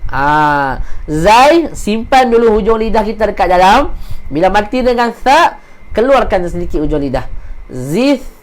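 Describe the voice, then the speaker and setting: A woman with a Malaysian Malay accent teaching Quran pronunciation in a live online lesson, patiently drilling syllables slowly for her students to repeat. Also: mid-range voice, very animated.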